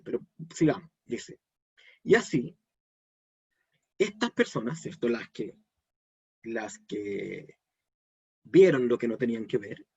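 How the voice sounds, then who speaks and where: Man teaching in a husky voice. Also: medium pitch, a little mellow, highs cut off. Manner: explanatory, asks the audience questions. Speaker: Kabbalah teacher. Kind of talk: live online Torah lesson.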